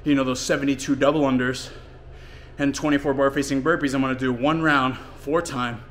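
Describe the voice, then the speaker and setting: A man's voice: mid-range voice, fairly even intonation, a little fast, fairly bright tone, slight background noise. Guy in his home gym, out of breath, talking through a workout with lots of ums. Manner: explains training plainly between efforts, with fillers. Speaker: fitness coach. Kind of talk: casual workout vlog talk. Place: home gym and outdoors in winter.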